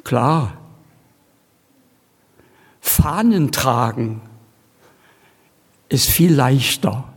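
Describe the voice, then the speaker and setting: A man preaching a sermon slowly and emphatically, with homely asides to his congregation. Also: medium pitch, breathy edge, big-room sound.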